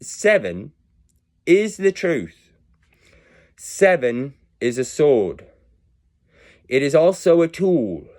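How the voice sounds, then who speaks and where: A man talks slowly through a meandering philosophical monologue, his voice pitched a little high and swooping widely up and down. He mocks himself as he goes, and his accent slips in and out. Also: sing-song, a little mellow. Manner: meandering, self-mocking, drifting in and out of a put-on accent. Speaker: video creator musing on numbers and words.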